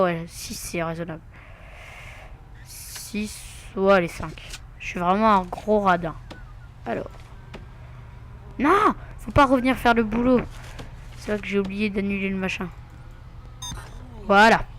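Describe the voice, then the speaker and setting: A man's voice: high voice, fairly bright tone, slight background noise. A man giving casual gameplay commentary, muttering to himself with asides and mild swearing. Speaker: let's play gamer.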